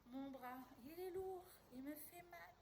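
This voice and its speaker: A woman's voice: high voice, measured pace, mellow. A woman telling a personal story in a casual, chatty way, quoting others and laughing as she goes. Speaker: vlogger. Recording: noisy background.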